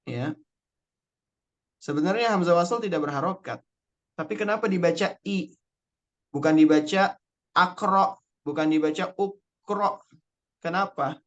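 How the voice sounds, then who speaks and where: A young man teaching an online Arabic spelling lesson, patiently explaining rules step by step and repeating key words. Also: a little high. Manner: recites Quranic verses slowly in chant.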